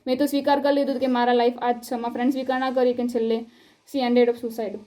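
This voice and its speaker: A woman's voice: a little high, little pitch movement, fast, dark tone. A young woman, a college student, giving an earnest and upset personal statement in a self-recorded video. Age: young adult.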